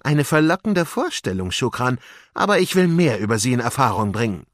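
A man's voice: mid-range voice, very animated, a little fast, fairly bright tone, no room sound, clean studio sound. A man voicing a sinister old male vizier sorcerer, murmuring and commanding, for a storybook reading. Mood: menacing.

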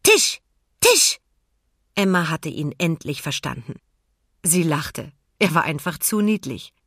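A woman narrates a children's story aloud, calm and expressive. Her voice is low with a husky edge. The recording is dry and close. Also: unhurried, no room sound. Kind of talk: children's audiobook reading.

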